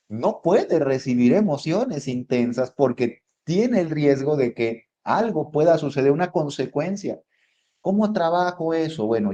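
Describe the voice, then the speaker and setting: A man's voice: on the high side, dark tone, dull audio. A man with a Mexican accent, a psychologist giving a conversational motivational talk full of rhetorical questions. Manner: conversational, asks rhetorical questions, addresses audience as friends. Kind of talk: motivational lecture.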